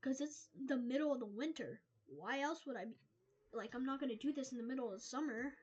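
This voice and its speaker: A woman with a fever and a cough, casually chatting and rambling to her viewers over a low-quality mic. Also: a little fast, dull audio. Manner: chatty, tired, talks to viewers as y'all. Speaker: reaction video host. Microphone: low-quality microphone.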